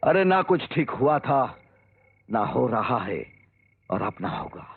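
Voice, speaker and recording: Cast: embittered vigilante, husky raspy voice, lively swings, phone-thin sound. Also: male voice, mid-range voice, slow, full character voice. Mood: bitter. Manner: embittered, intense, defiant. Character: bitter vengeful grown son turned killer. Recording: tinny old film audio.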